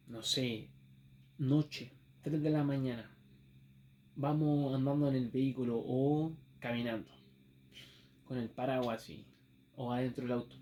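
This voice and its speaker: Slow, mellow Chilean man preaching. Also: mid-range voice, a little hiss or hum. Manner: storytelling with acted exclamations and rhetorical questions. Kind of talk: sermon.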